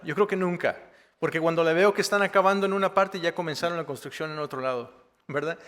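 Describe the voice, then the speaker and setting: Pastor mexicano de voz algo aguda en una sala con eco. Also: male voice, on the high side, fairly bright tone, big-room sound. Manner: conversational, joking asides with rhetorical "¿verdad?". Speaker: assistant pastor. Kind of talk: sermon. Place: church sanctuary.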